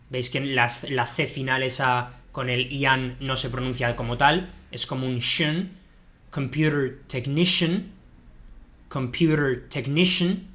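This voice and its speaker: Man teaching English words. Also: mid-range voice. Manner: explains in Spanish, then says English words slowly and louder. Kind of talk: pronunciation lesson.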